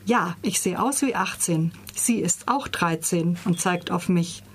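A woman's voice: on the low side, unhurried, lightly acted. A woman reading the lines of a cheeky, boastful thirteen-year-old girl from a novel, in a plain teasing tone.

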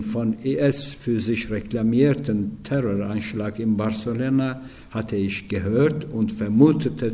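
A man reading a first-person memoir aloud in a calm, measured way, with occasional slips and restarts. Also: lowish voice.

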